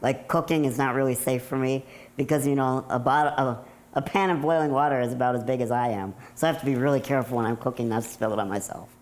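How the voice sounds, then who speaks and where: Young american guy, like 19, medium pitch, plain matter of fact way of talking, casual interview storytelling. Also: steady tone, quick pace. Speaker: computer programmer telling their own story. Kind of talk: casual documentary interview narration.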